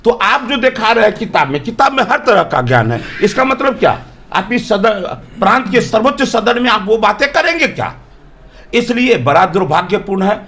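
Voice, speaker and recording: A man's voice: high voice, sing-song, normal speed, a bit bright. A man, a politician from Bihar, answering interview questions in an emphatic, argumentative way full of rhetorical questions.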